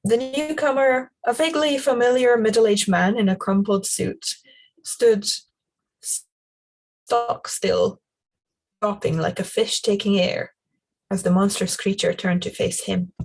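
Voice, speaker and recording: A woman reading a novel aloud in a calm, measured way. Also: mid-range voice. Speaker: storyteller.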